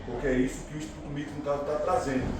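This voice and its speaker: A man's voice: fairly high pitch, fairly even intonation, rapid-fire. A tired man giving a motivational talk to a class of students, filling his speech with "no caso" and pushing the room to answer him. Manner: constant filler "no caso", calls for audience answers. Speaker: recruiter speaking to students. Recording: very echoey room, distant mic, background noise.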